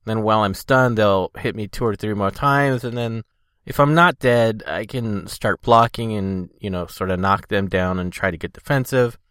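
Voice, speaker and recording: A man's voice: lowish voice, moderate pace, a bit bright, clean tone, no echo, studio quality. A man hosting a casual solo podcast, rambling informally, congested with a cold and talking a little thickly from a swollen tongue. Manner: informal, loosely hedged rambling. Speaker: podcast host.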